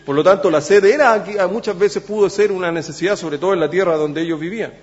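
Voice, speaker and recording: A man delivers a sermon, his voice sitting high for a man. He halts often on fillers and restarts, then leans hard on his key words. The sound carries a long church-hall echo and a muffled, dull tone. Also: a little mellow. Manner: halting, many fillers and restarts, emphatic. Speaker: preacher.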